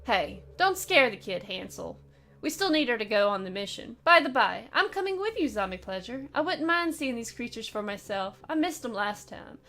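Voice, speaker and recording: A woman reading the lines of a flamboyant, teasing male elf in a game, with a lively, playful delivery. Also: fairly high pitch, moderate pace, heavily acted. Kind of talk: reading game dialogue aloud.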